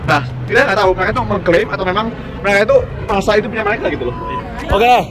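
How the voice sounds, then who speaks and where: A man's voice: sits high, very fast. A man from Indonesia doing a casual street interview at an outdoor festival, eager and questioning. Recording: crowd and music around.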